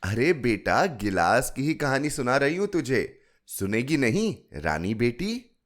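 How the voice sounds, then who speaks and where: A man voicing a fond fifty-year-old woman who coaxes a child with a story in a gentle, lilting way. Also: medium pitch, big pitch swings, unhurried, pitched above the performer's own voice. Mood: coaxing. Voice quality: coaxing, storytelling lilt.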